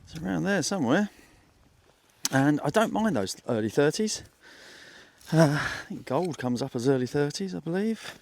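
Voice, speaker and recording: A man's voice: on the high side, animated, normal speed, vocal fry, a little mellow. A British man in his fifties chatting casually to viewers in an understated way, as a metal detecting vlogger out in an open field. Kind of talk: casual outdoor vlog narration. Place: outdoors in an open grassy field.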